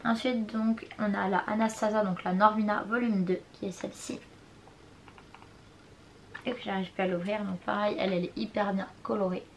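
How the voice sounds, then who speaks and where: A woman's voice: medium pitch, level tone, moderate pace. Young woman vlogger, casual and chatty, stumbles over names, faint hiss. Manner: chatty, hesitant over product names, apologetic about pronunciation. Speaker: beauty vlogger. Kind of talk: casual makeup collection show-and-tell. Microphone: compact camera mic.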